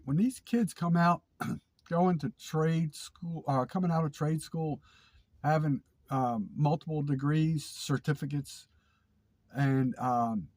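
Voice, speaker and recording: A man's voice: a little high, a little mellow, no room sound. A man with a stuffy, nasal voice, casually telling a story on his vlog, rambling and repeating words with lots of fillers. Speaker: vlog host.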